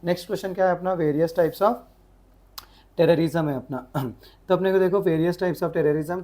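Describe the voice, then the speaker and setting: A woman tutor with a low, dark voice runs an exam revision lesson. She dictates English definitions slowly, switches to quick, conversational Hindi to explain them, and keeps posing rhetorical questions.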